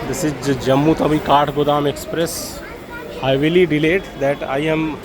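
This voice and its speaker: On the move through a busy public railway station, a man with an Indian accent gives an informal travel-vlog walk-through. His voice is on the high side and steady, at a moderate pace, and he explains things repetitively and hesitantly amid crowd and vehicle noise.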